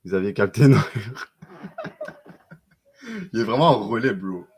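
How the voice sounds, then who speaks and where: A man with a Québécois accent chatting casually on a live stream and answering viewers, loose and slangy with lots of quick restarts. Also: lowish voice, a little mellow, a little hiss or hum. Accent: Québécois French.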